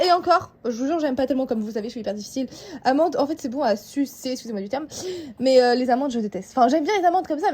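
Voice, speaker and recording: A woman's voice: high voice, mellow, husky. A young woman chatting casually to her viewers at home, rambling with lots of fillers and asides. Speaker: vlogger. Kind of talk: casual vlog chat to viewers. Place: home, indoors.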